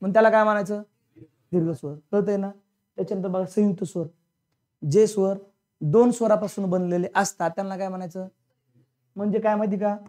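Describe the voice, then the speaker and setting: A man's voice: sits high, fairly even intonation, fairly quick, pauses often, darkish tone. A male teacher stands before his class and runs a call-and-response grammar drill. He repeats each question to the room until the students answer it. His speech is colloquial and blunt, with the occasional scolding edge of a strict coaching-class instructor.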